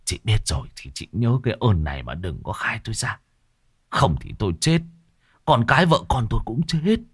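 A man voicing a gruff, scornful older village man who talks low and hushed, in a spoken ghost story. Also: sing-song, moderate pace, exaggerated voice.

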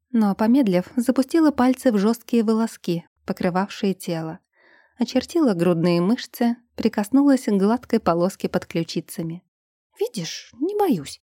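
A woman narrating a novel as an audiobook. Her reading is even and measured, with a mellow, dark tone. The recording is dry and close. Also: mid-range voice, no echo.

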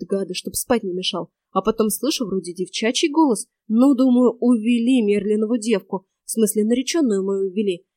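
A woman voicing a brash, cheeky young male student who talks in rough slang and grumbles. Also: mid-range voice, dark tone, dry recording, natural voice. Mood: conspiratorial. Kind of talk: audiobook character voice.

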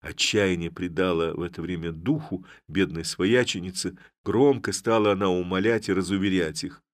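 A man narrating a classic story as an audiobook reader, in a measured storytelling manner. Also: low voice, no room sound, studio quality. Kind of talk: classic literature audiobook reading.

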